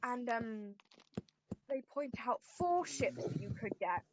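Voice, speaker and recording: A woman narrating as game master of a tabletop game, relaxed, with many ums and pauses. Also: on the high side, crowd noise, poor audio.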